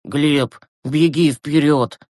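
A man reading an audiobook who voices a weary, grieving teenage boy, low and slow. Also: fairly even intonation, a little mellow, no room sound, clean studio sound. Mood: strained. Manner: low, slow, exhausted, withdrawn.

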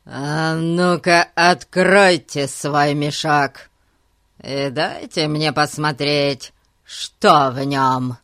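A man voicing a large, threatening policeman who barks orders loudly. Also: fairly high pitch, fairly even intonation, very slow, no room sound, clean studio sound. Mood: demanding. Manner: loud, commanding.

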